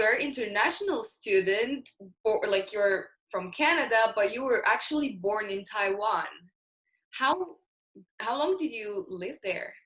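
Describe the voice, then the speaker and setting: A woman's voice: a little high, a bit bright. A woman hosting an interview show, introducing her guest and asking upbeat questions. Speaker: podcast host.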